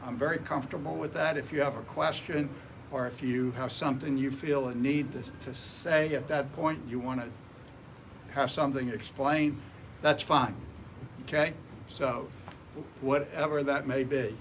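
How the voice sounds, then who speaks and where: Older man, guest speaker, relaxed storytelling, wry humor, medium pitch. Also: moderate pace, slight background noise. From Portsmouth, Virginia. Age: 80s. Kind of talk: public talk with personal stories. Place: library meeting room.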